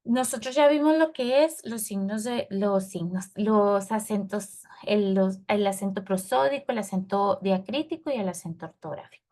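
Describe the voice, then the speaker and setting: A woman's voice: medium pitch, normal speed, few pauses, a little mellow. A woman teacher, explaining a lesson patiently and often checking with her students. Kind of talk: recorded class lesson.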